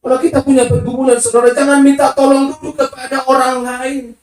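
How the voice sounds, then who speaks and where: A woman's voice: high-pitched, flat delivery, fast talker, a little mellow, recorded from a distance, soft background music. Emphatic woman preaching in an echoey hall. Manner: emphatic, calls out to the congregation, sometimes sings phrases. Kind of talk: sermon.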